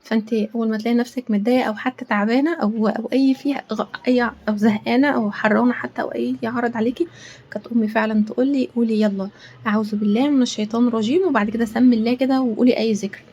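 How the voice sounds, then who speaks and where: A woman's voice: a little high, steady tone, racing, a little mellow, breathy edge, dull audio. A woman with an Egyptian accent, cooking in her home kitchen and chatting in a rambling way with frequent pious asides. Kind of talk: casual chat while cooking.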